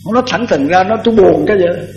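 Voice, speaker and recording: An older Buddhist monk gives a folksy sermon, often repeating words. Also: male voice, high voice, rapid-fire, creaky, darkish tone. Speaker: Buddhist monk giving a dharma talk. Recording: echoey hall, dull lo-fi, faint music.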